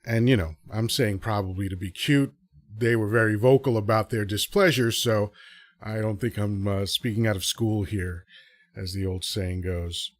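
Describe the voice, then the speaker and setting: With no room sound behind him, a man from the Dominican Republic hosts a live podcast at normal speed in a lowish, steady voice. He rambles earnestly through his ideas in casual solo commentary, correcting himself as he goes.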